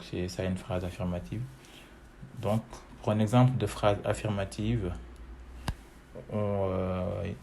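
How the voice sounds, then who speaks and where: A man with as his talks through an English grammar lesson very slowly, hesitating often and repeating each form. His voice sits a little low. A faint hiss runs under the recording. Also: a little mellow. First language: French. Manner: slow and hesitant, many fillers, repeats each form several times. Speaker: English teacher. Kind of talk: bilingual online lesson, switching between French and English.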